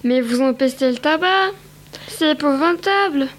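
A woman reading a huge, touchy carrot that complains indignantly in a high voice. A storybook read-aloud with a fussy, offended tone. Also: normal speed, lightly acted. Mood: disgusted. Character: giant grumpy carrot, easily offended.

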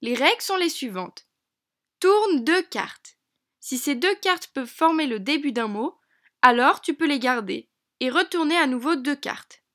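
High-voiced woman teaching young children. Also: expressive. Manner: bright, encouraging, speaks slowly to a child. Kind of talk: children's lesson narration.

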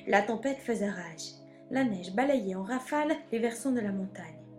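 A woman reading a children's storybook aloud in an expressive, measured way. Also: mid-range voice, faint music behind.

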